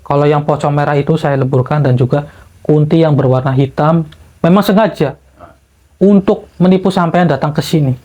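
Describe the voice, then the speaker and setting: A man speaks in a steady, reasoning tone. He calls out Islamic invocations often, and his voice sits somewhat high for a man. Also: moderate pace. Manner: calm mediator, frequent Islamic invocations. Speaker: host, paranormal team leader.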